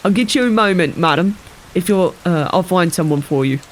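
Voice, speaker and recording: A woman's voice: fairly low pitch, expressive, fairly quick, slight background noise, lightly acted. A woman reading the part of a polite, weary young male desk sergeant who stammers when flustered.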